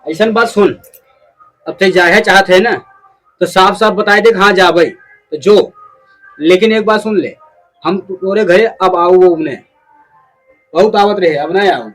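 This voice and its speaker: A man's voice: high voice, unhurried, pauses often, fairly bright tone, faint music behind, poor audio. A man playing a jobless, defensive village husband in a family skit, arguing and grumbling in rustic speech with an eastern Hindi belt, Bhojpuri-Awadhi accent. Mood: threatening. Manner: argumentative, muttering repetitions, rustic speech. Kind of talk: amateur family skit dialogue.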